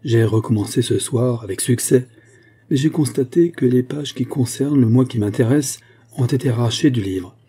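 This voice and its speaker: A man reading as an anxious young man laying out his story in an audiobook. his delivery is earnest and measured. the voice underneath is very dark and husky. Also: medium pitch, lightly acted.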